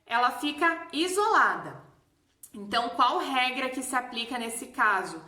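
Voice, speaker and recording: A woman teacher with a Brazilian Portuguese accent patiently explaining a grammar lesson, repeating example words slowly. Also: sits high, big pitch swings, sharp tone. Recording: echoey room.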